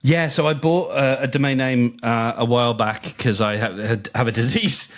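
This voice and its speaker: A man co-hosting a podcast, chatting casually in an animated, joking and teasing way. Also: mid-range voice, normal speed, slight background noise. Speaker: podcast co-host. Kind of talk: casual chat.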